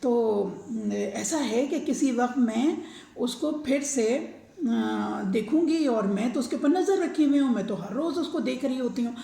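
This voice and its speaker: A woman voicing a sly, scheming female fox who flatters the king in a children's storybook telling. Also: on the high side, vocal fry. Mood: flattering. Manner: wheedling, flattering. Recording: echoey room.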